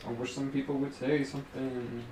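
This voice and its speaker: A man's voice: medium pitch, level tone, moderate pace. A man co-hosting a livestream, chatting and joking casually. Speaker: livestream co-host. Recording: distant mic in echoey, noisy room.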